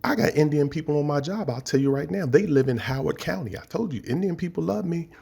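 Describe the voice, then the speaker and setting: Gravelly-voiced D.C. man telling a story. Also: fairly high pitch, expressive, fast, dark tone. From Washington, D.C. area. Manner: laid-back, rambling, slangy. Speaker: podcast host. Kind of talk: casual storytelling monologue.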